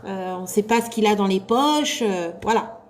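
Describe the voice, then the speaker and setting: A woman giving a live revision class to nursing assistant students, loud and carrying, chatty and encouraging. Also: mid-range voice, normal speed, a little hiss or hum.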